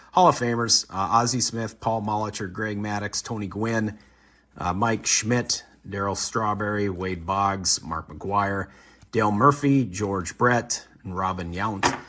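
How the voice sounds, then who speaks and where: A man's voice: on the low side, moderate pace, fairly bright tone. A man hosting a card collecting channel, wrapping up a box opening in casual, upbeat talk with many fillers. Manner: upbeat, rambling with frequent "uh" fillers. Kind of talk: casual wrap-up talk to viewers.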